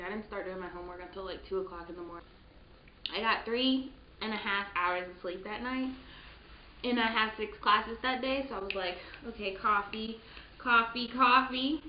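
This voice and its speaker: A young woman vlogger telling a story in casual chat, peppering her talk with "like". The sound is roomy and dull, with faint noise. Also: mid-range voice. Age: young adult. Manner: chatty storytelling, heavy use of "like".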